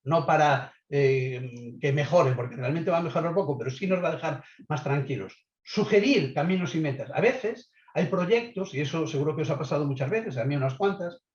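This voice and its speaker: A man's voice: on the high side, animated. Man lecturing. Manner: measured advice with frequent checking tags. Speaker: webinar speaker on leadership. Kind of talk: webinar lecture. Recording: echoey, slightly dull online audio.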